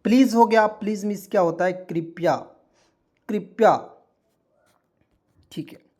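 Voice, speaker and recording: Unhurried and a little mellow, this high-pitched man leads an online lesson for beginners. He spells words letter by letter, goes over every point again, and poses rhetorical questions while addressing his audience as friends.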